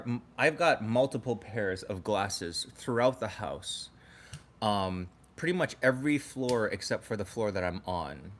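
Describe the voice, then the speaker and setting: A man talks casually to his livestream viewers from home, reading out their messages and laughing often. His voice sits fairly low but swings widely in pitch. A faint background noise runs under the recording. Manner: chatty, laughs often, reads chat aloud. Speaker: livestream host.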